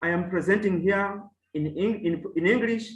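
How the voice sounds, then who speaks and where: A high-voiced man from Mozambique whose first language is Chewa speaks as a professor and panelist on an online academic panel. He talks in a measured, halting way, with many fillers and restarts. His video call audio sounds echoey.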